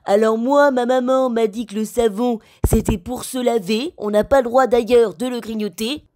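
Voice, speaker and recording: A woman voicing a cheeky male bulldog who mocks his aunt in a comic voice-over, speaking in a slow, sarcastic, teasing way. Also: a little high, fairly even intonation, darkish tone, close to an everyday voice. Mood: mocking.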